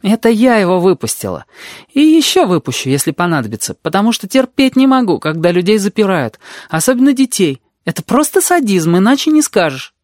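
A reader voicing a bold, chatty red-haired girl who lectures quickly and jumps between topics. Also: mid-range voice, very animated, no room sound, studio quality, pitched above the performer's own voice, close to an everyday voice. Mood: bossy. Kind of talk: audiobook character voice.

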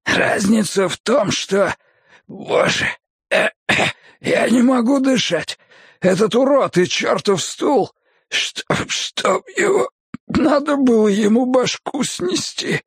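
A man reading an audiobook, voicing a menacing male thug with a gun who is hoarse, rasping and short of breath, barking orders and gasping between words. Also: a little high, big pitch swings, measured pace, fairly bright tone, no room sound, studio quality, pitched above the performer's own voice, exaggerated voice.

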